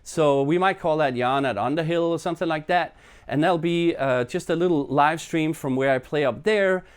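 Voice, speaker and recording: A man's voice: a little high, normal speed, smooth. Chatty man live-streaming. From Denmark. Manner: chatty, rambling, self-deprecating. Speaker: live stream host and musician. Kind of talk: casual live stream chat. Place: his own apartment.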